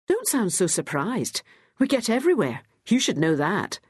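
A woman's voice: medium pitch, huge pitch swings, moderate pace, slightly rough, dry recording, clean studio sound, voice pushed up. Woman doing a teasing Scotsman in a drawl. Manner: playful, teasing. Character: Scottish man with put-on American drawl, teasing.

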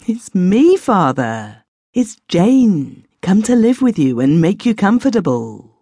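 A woman's voice: medium pitch, sing-song, slow pace, mellow, husky, no room sound, clean studio sound, pitched above the performer's own voice, heavily acted. Woman voicing a humble young widowed mother. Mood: gentle. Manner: earnest rustic country dialect.

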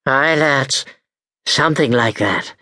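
A man voicing a wicked pirate captain who growls his words slowly and with menace. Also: mid-range voice, sharp tone, no echo. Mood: menacing.

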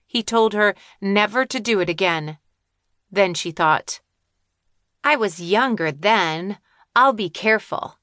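Brief: woman narrator for a kids' audiobook, unhurried and bright, dry close mic. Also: mid-range voice, dry recording. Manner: slow, clear storytelling. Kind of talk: scripted narration of a children's book.

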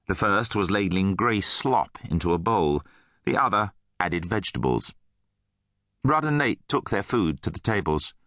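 Man reading a kids fantasy audiobook, animated, dry close mic, lowish voice. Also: a little slow, dry recording. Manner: expressive, animated storytelling. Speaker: audiobook narrator. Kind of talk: scripted audiobook narration.

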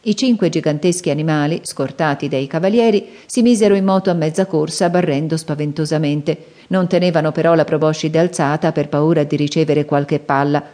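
Mellow low-voiced woman narrating. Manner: measured, expressive reading. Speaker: audiobook narrator. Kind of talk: scripted narration.

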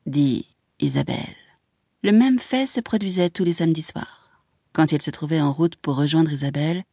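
A woman narrating a literary audiobook in a measured, expressive reading voice. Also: sits low, no echo, studio quality.

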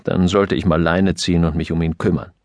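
A man's voice: low-pitched, little pitch movement, a little fast, darkish tone, dry recording, pitched below the performer's own voice. A man playing a weary, sardonic copywriter. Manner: drawling, grumbling, ironic.

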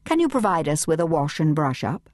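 A woman reading an audiobook voices a confident, sophisticated young woman who speaks briskly. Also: deep voice, very animated, a little mellow, no room sound, clean studio sound. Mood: self-assured. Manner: brisk, self-assured.

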